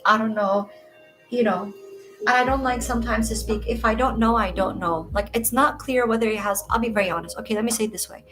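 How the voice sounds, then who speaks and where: A woman from Egypt gives tarot readings live and chats casually with her viewers. She is reassuring and calls them dear, and clear background music plays behind her voice. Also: on the high side, fairly quick. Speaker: tarot reader. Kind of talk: casual livestream chat.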